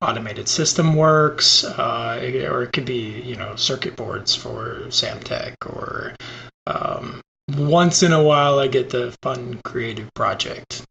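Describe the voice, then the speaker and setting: A man with a gravelly, creaky voice explains technical animation work plainly and matter-of-factly as a podcast guest. The sound is dull and lo-fi, with faint noise underneath. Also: mid-range voice, slow pace, pushed and bright. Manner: technical, matter-of-fact, with stutters and restarts. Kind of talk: casual podcast chat.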